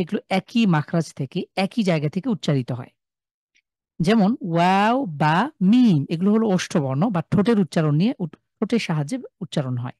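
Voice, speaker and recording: A man's voice: fairly high pitch, a little mellow, no room sound, studio quality. A man with a Sylheti Bengali accent teaching a live online class, patiently drawing out and repeating each sound for his students. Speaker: Quran recitation teacher.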